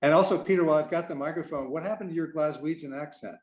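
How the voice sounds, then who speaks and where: A man's voice: fairly high pitch, racing, a little mellow, echoey room. An eager, friendly man with a Northern Californian accent, asking a question from the audience. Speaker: audience member.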